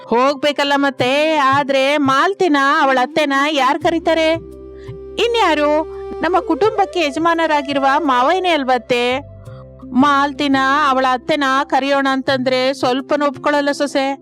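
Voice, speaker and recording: A woman's voice: high voice, steady tone, unhurried, a bit bright. A woman voicing a timid, kind middle-aged mother-in-law in a cartoon story, with music under the voice. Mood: hesitant.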